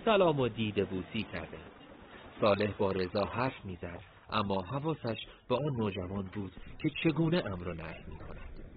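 Low-voiced male audiobook narrator. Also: phone-quality sound, slight background noise. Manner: steady, measured storytelling.

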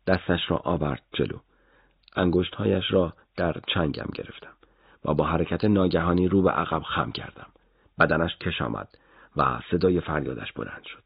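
A man narrates a first-person story in a grim, measured tone. His voice is low and husky with lively pitch movement. The recording is dry, close and somewhat dull. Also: no echo.

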